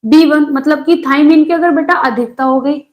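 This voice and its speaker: A woman's voice: sits high, normal speed. A young woman teaching an online exam-prep lesson in a chatty way, teasing her students with jokes.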